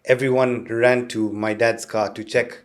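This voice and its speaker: A man, a guest on a podcast, telling stories in a relaxed way and tagging his lines with "dude" and "huh?". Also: medium pitch, measured pace. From Kenya. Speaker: guest, car builder. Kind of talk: casual interview chat.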